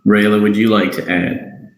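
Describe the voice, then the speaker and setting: A man running a tabletop game as game master, unhurried and hesitant with frequent ums. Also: fairly low pitch, flat delivery, echoey room, rough recording.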